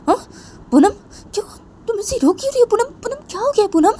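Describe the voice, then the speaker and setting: A woman's voice: very high voice, expressive, fast talker, warm tone, a little hiss or hum, pitched above the performer's own voice. A woman voicing a worried young woman coworker. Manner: anxious, repeats questions over and over. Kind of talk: storybook narration acting.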